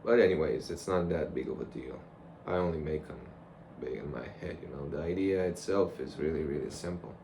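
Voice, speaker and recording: A young vlogger with a mellow bass voice speaks briskly and rarely pauses. His monologue to the camera is casual, reflective and loosely conversational, and there is clear background noise.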